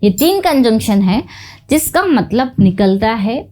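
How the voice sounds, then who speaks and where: A woman teaching English grammar in a bilingual lesson. She reads each English example out slowly, word by word, and checks in often with her listeners. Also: a little high, very animated, darkish tone.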